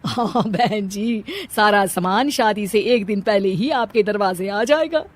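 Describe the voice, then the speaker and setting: A woman's voice: medium pitch, unhurried, lightly acted. A woman voicing a sensible, cautioning middle-aged relative in a cartoon family drama.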